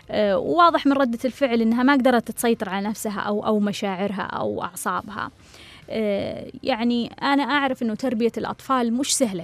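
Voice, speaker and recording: A woman giving earnest family advice, repeating phrases for emphasis and putting direct questions to her listeners. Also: on the high side. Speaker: family counselor. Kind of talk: advice talk on a family case.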